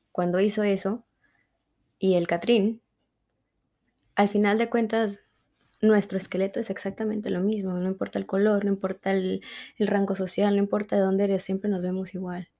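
Woman, 40s, earnest and halting, mellow flat voice. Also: mid-range voice. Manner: earnest, halting, searches for words with fillers. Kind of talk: casual reflective talk.

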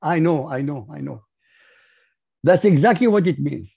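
A man's voice: a little high, lively intonation, moderate pace, creaky, mellow, slightly rough. A man from Iraq whose first language is Arabic, speaking with an Arabic accent as an interview guest, in an emphatic, lecturing way. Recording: muffled lo-fi audio.

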